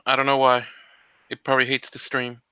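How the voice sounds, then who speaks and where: A guest cartoonist joins a casual stream, joking in a hesitant, laid-back way. His mid-range voice is completely flat, fairly quick, sharp and smooth, captured on a dry, dull lo-fi mic.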